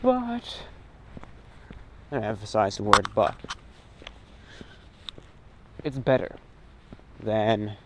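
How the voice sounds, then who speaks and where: This is the host of a radio and online show, a man recording on a walk outside, with clear ambient sound around him. He speaks slowly in a lowish voice whose pitch swings hugely, offering a relaxed, reflective, meandering monologue of short phrases.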